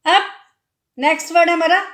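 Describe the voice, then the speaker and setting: A woman's voice: very high voice, fairly even intonation, a bit bright. A woman Hindi teacher giving a children's lesson, drawing words out syllable by syllable and patiently explaining, asking the viewer questions as she goes. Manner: drawn-out syllable-by-syllable pronunciation of words. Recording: echoey room.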